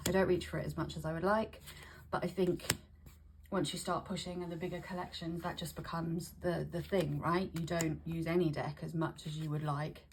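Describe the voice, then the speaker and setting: A woman vlogger chatting casually to camera, breathy and a little short of breath with hay fever, often restarting and repeating her phrases. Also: deep voice, little pitch movement, normal speed, background noise. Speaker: vlogger showing tarot decks.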